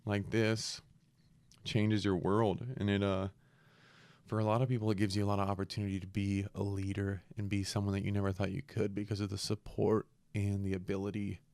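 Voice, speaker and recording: Low-voiced young man, sniffly with a cold. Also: monotone, fairly quick, a little mellow, smooth, no room sound. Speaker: podcast host. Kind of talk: casual reflective solo podcast monologue.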